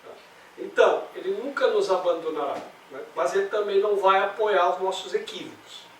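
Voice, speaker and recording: A man's voice: sits high, brisk, fairly bright tone. A man with a Brazilian accent leading a spiritual study group, talking conversationally with rhetorical questions. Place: meeting room. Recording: roomy, distant mic, faint noise.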